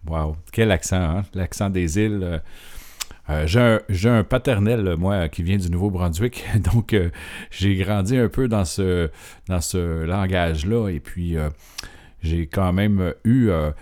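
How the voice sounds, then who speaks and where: A man's voice: low voice, unhurried, dark tone. A man from Quebec with a Quebec French accent hosting a casual music show, rambling and hesitant with many filler sounds. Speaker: host. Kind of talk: casual radio-style presentation.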